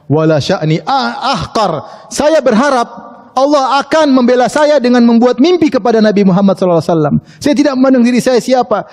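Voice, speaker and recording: A man preaching a sermon, telling a story in a lively way and acting out the quoted speech. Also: high-pitched, big-room sound. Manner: animated storytelling, acts out quoted speech, chuckles at his own asides. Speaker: Islamic preacher.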